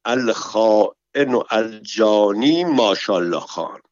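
A man reading a story, voicing a nosy and vengeful palace woman who speaks slow, heavily stressed broken Arabic. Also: on the low side, expressive, no room sound, natural voice. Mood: furious. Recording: dull, dry recording.

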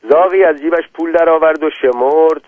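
A man's voice: a little high, steady tone, no room sound. A man narrating a story as an audiobook, reading the narration plainly and giving the characters' lines short voiced turns. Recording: dry, tinny phone-like radio sound.

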